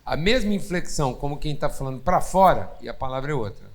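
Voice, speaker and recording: A man's voice: a little high, expressive, fast. A Brazilian man co-leading a sermon dialogue, speaking with firm, affirming conviction. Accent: Brazilian Portuguese. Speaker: co-host pastor.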